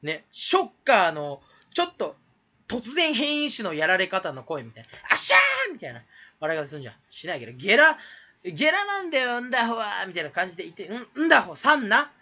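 Male YouTuber, rambling self-mocking rant, high and very animated, quick talker, bright tone, lo-fi recording. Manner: rambling, self-mocking, bursts into shrill imitated laughs. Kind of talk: casual solo rant to camera.

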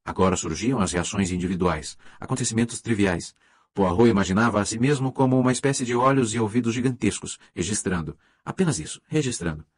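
A male narrator reads a mystery audiobook in a measured, even way. His voice is very deep and somewhat husky, and the recording is dry and close, with no room sound. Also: no echo. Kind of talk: scripted narration.

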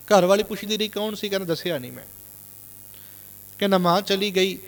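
High-voiced male preacher telling a story. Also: a little fast, big-room sound. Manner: earnest, repeatedly inserting "he said". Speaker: Sikh preacher. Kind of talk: storytelling sermon.

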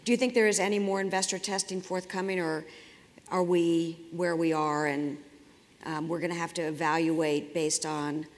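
A woman hosting an interview on a conference stage, asking questions in a measured, polite way. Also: on the low side, fairly even intonation. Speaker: host interviewer. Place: conference stage, large hall. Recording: reverberant hall sound.

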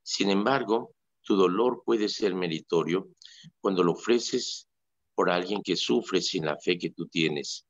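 A man's voice: low voice, dry recording, lo-fi sound. A man, a priest hosting a radio show, who tells stories in a folksy way with many fillers and speaks while ill and in pain. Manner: anecdotal, folksy, pauses with fillers. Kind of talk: casual spoken reflection on a radio show.

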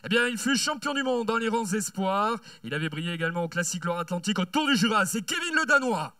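High-voiced man co-announcing riders. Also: very animated, fast talker, bright, forceful tone, no echo, distant mic. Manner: chatty, stretches rider names. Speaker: podium co-announcer. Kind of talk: live rider presentation.

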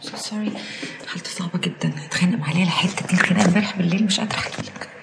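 A woman's voice: lowish voice, racing, vocal fry, heavy background noise. An actress playing a caring, comforting woman with an Egyptian Arabic accent, using a few English words. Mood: soothing. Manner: soothing, hushed. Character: caring wife figure, soothing, patient. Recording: soft violin music behind.

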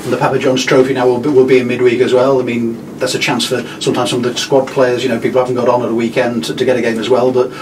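A man's voice: medium pitch, little pitch movement, quick pace, few pauses. A man interviewing a player after a match, asking long, rambling questions full of fillers. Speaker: club media interviewer. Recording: distant mic with room noise.

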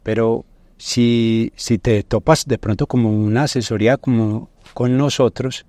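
In an indoor podcast studio with no room sound, a middle-aged man with a Colombian accent walks through business finance over a lapel mic. His mid-range, slightly mellow voice stays fairly even and unhurried, and his didactic explanations are dotted with tag questions.

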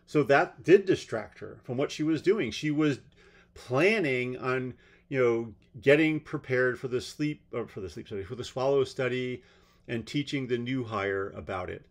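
A man giving a rambling spoken commentary on a court case, blunt and sarcastic, with exasperated asides. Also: medium pitch. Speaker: trial commentator.

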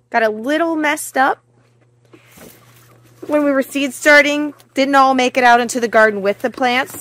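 A woman's voice: sits high, a bit bright, slight background noise. A woman in her forties from the Pacific Northwest gives a casual, enthusiastic tour of her vegetable garden, talking straight to her viewers. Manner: chatty and enthusiastic, talks to viewers directly. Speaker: homesteading vlogger. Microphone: handheld phone at arm's length.

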